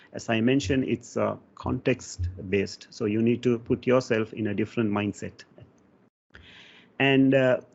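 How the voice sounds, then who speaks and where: A man from Sri Lanka giving a technical conference talk, pausing often with fillers. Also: medium pitch, vocal fry. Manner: hesitant, many fillers. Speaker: conference speaker. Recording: dull lo-fi sound.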